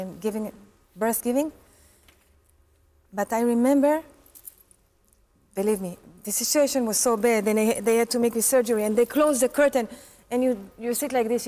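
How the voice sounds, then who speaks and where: A woman in her forties, a guest in an interview, talking earnestly in halting English and laughing often. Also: a little high, dark tone. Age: 40s. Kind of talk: casual interview chat.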